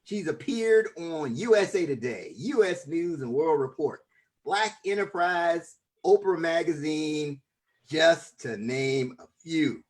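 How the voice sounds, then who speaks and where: Eager higher-voiced male podcast host. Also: lively intonation, slow pace. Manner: enthusiastic, stumbles and repeats words. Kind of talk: casual interview introduction.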